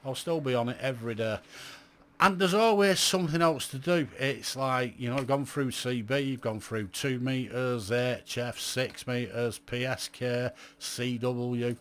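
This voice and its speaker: A man in his late fifties, a radio amateur, looks back on his hobby in a blunt, chatty monologue to camera, calling himself grumpy and dropping plenty of "you know" asides. His mid-range voice is unhurried, with a little hiss or hum on the recording.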